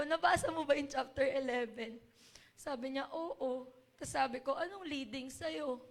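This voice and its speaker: Brief: woman, church testimony, high voice with gravelly fry, earnest and emotional. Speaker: church member giving testimony. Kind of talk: personal testimony to a congregation.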